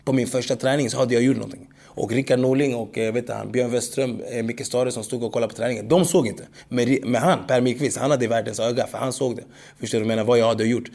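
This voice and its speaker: A man, talking as a podcast guest. His voice has a gravelly, fry-laden edge at an ordinary pitch. He tells stories animatedly, often checking that the listener follows him. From Sweden. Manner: animated storytelling, frequent "förstår du vad jag menar". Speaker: guest, former footballer. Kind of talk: podcast interview.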